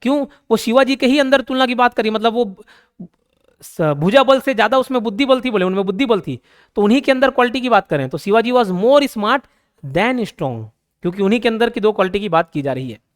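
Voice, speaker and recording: A young man with a Hindi accent teaching grammar, explaining patiently, repeating key points and reading English example sentences slowly. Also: sits high, lively intonation. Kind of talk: grammar lesson.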